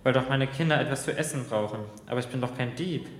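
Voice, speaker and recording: A man's voice: medium pitch, quick pace, echoey room, long reverb tail, a little hiss or hum, close to an everyday voice. A man playing a bitter, resigned poor prisoner and father in an audio drama.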